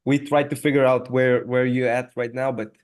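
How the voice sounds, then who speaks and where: A man from Serbia with a Serbian accent, hosting a casual podcast interview in halting speech full of restarts. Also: mid-range voice, flat delivery, a little mellow. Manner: halting, many restarts and fillers. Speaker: podcast host.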